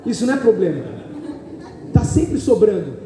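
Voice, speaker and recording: High-voiced Brazilian man preaching in an echoey hall. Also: big pitch swings, normal speed, warm tone, a little hiss or hum. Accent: Brazilian Portuguese. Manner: preaching with audience call-and-response, joking asides. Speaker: pastor. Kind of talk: sermon. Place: church hall. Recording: echoey hall, picked up from far.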